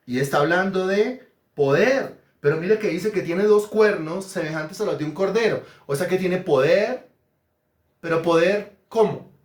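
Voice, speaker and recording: A man's voice: high voice, normal speed, reverberant. A man preaching an interactive sermon, asking questions and praising the answers. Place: church hall.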